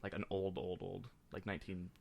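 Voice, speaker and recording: Low-voiced man rambling on a podcast. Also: completely flat delivery, fairly quick, creaky, a little mellow, slight background noise. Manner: rambling, self-interrupting, reads out movie ratings. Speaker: podcast host. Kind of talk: casual podcast chat.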